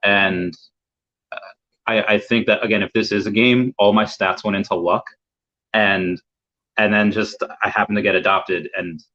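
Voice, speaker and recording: His pitch is fairly low and his tone steady but sharp, with a moderate pace and frequent pauses. This young man from the United States is a guest on an informal video-call interview, meandering and repeating words while he hunts for his ideas. The sound quality is dull and lo-fi.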